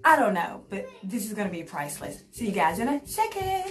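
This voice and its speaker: A woman's voice: mid-range voice, very animated, fairly quick, recorded from a distance, loud music behind the voice. A young woman chatting casually and playfully to camera in a small room at home. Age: young adult. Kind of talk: casual playful vlog chat. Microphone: camera set a few feet away. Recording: echoey room, off-mic, faint noise.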